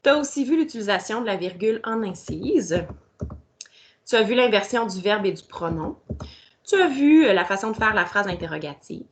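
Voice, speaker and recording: A woman's voice: mid-range voice, lively intonation, normal speed, a little hiss or hum. A woman teacher, explaining a grammar lesson step by step and speaking directly to the pupil. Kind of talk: recorded grammar lesson for children.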